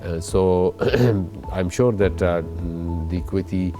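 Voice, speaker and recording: Pakistani guy, really low voice, formal diplomat type, lots of hesitating, music playing behind him. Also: warm tone. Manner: halting, measured, hesitant phrasing with frequent long fillers. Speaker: ambassador, interview guest. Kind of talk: formal diplomatic interview answers.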